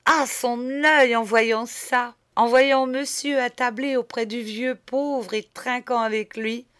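A woman reading a novel aloud as audiobook narration, steady and clear. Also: fairly high pitch, takes it slowly. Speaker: audiobook reader.

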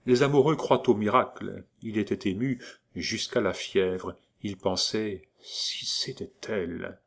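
A man narrating a novel aloud with a fairly low voice. His delivery is measured and even, in the manner of an audiobook reader.

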